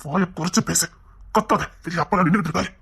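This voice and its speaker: A woman's voice: lowish voice, fast talker, vocal fry, a bit bright, slightly rough, full character voice. A woman voicing an angry, dismissive husband in a Tamil audio drama, curt and threatening.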